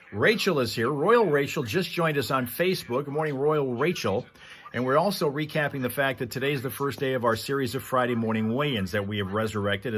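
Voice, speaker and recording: A man's voice: mid-range voice, fairly bright tone. A man hosting a livestream, chatting casually to viewers in a rambling, conversational storytelling manner. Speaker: livestream host. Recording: clear background noise.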